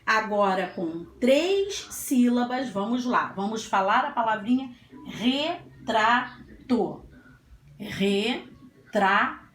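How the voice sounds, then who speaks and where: Sounding out words by stretching each syllable, this woman teaches young children in a patient, sing-song way. Her slightly high voice is expressive and measured, captured in an echoey room with faint ambience.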